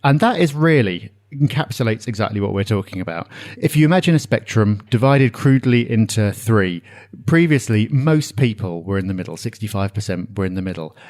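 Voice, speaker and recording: A man's voice: lowish voice, darkish tone. A man co-hosting a podcast, explaining a topic in casual chat and walking through figures with the odd um. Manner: explanatory, citing figures with some filler ums. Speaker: podcast co-host.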